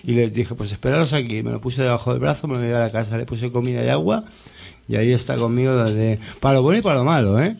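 A man telling casual stories in an interview, rambling and halting, with many restarts and tag questions. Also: medium pitch, gravelly, darkish tone. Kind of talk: casual storytelling.

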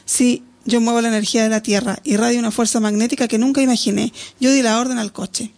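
A woman plays an exalted visionary in an audiobook, proclaiming her powers with fierce insistence. Her voice carries a gravelly edge. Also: fairly high pitch, steady tone, quick pace, darkish tone, close to an everyday voice.

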